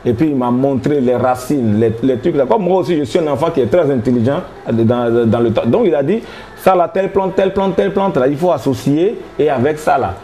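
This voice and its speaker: A traditional healer in his thirties with an Ivorian French accent tells his story in a casual interview. His medium-pitched voice is animated, brisk, and mellow, and he rambles hesitantly and laughs often. There is slight background noise.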